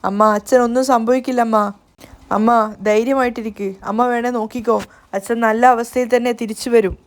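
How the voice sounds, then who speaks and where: Grieving son, pleading fast and smooth, read by a woman narrator. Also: on the high side, fairly even intonation, a little mellow, lightly acted. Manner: pleading and tearful. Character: anxious grieving young man, a devoted son.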